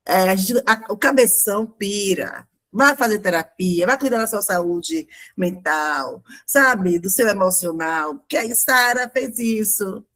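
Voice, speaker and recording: A woman's voice: mid-range voice, expressive, unhurried, few pauses, fairly bright tone. A Brazilian woman pastor with a Brazilian Portuguese accent, preaching in a conversational sermon style full of fillers and rhetorical questions. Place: church.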